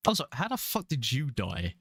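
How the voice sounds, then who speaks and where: A young man in his twenties from England, speaking with a London accent, rambles casually and chuckles while streaming a game. His medium-pitched voice swings hugely in pitch at a moderate pace. The tone is fairly bright and slightly rough, with no room sound.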